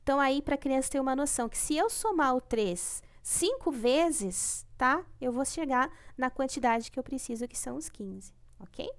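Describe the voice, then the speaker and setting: A woman's voice: sits high, animated, normal speed, few pauses. A young woman teacher with a Brazilian Portuguese accent, patiently going over homework in a recorded class and often checking in with "tá?". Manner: patient, ends phrases with "tá?", syllables drawn out. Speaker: primary school teacher.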